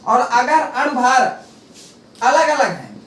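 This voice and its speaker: High-voiced male teacher drilling terms. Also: sing-song, takes it slowly, a bit bright, slight background noise. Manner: rhetorical call-and-response questions; repeats key terms for drilling. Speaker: chemistry teacher. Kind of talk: classroom lecture. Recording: echoey room, voice from a distance.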